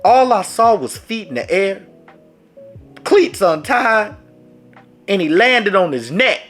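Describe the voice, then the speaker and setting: Faint music plays behind a high-voiced man who speaks slowly in a casual storytime vlog. He tells a dramatic sports story, animated and addressing his viewers directly.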